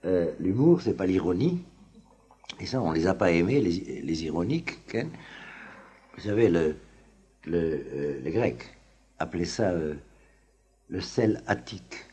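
A man teaching a class on the Talmud in an informal, halting lecture full of fillers and restarts. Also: low-pitched, lively intonation, warm tone. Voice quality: very husky voice. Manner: halting, many fillers and restarts, chuckles often.

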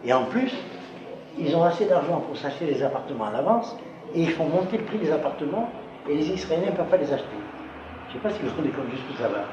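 Man, lecturer, emphatic, rhetorical check-ins, roomy echo, steady background noise. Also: on the high side, fast, highs cut off. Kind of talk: lecture with audience questions. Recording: echoey room with background noise.

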